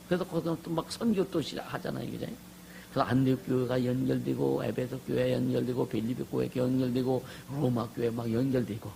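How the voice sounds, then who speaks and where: A pastor with a gravelly, fry-edged voice preaches a lively sermon, drawing amens from the congregation. His voice moves from murmured asides to full shouts, and a faint hum sits under the recording. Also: mid-range voice, rough recording. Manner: animated, asks the congregation for amens, swings from soft asides to loud shouts.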